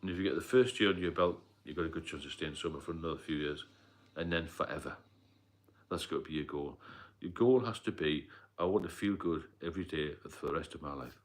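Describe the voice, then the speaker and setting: An extremely low-pitched, fairly quick voice belongs to a middle-aged British sobriety mentor. He hosts a casual live stream about staying sober, rambling with frequent fillers and coughs.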